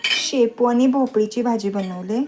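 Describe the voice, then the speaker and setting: A woman's voice: a little high, unhurried, background noise. A woman in her thirties with a rural Marathi accent, chatting casually to viewers in a family vlog and teasing her daughters as she films. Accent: rural Marathi, Satara region. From Maharashtra, India. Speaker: family vlogger and mother. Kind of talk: casual home vlog narration. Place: home with rain outside.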